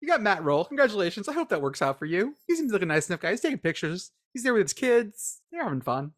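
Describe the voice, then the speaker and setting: A man's voice: sits high, fast. A man co-hosting a casual sports podcast, counting down rankings with sarcastic jokes. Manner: sarcastic, lively countdown delivery. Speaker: podcast co-host.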